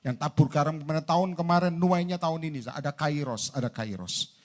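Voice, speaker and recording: A man preaching a sermon to a congregation. He acts out both sides of conversations and swings from loud to soft. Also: on the high side, a little fast. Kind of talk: lively sermon. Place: large indoor church hall.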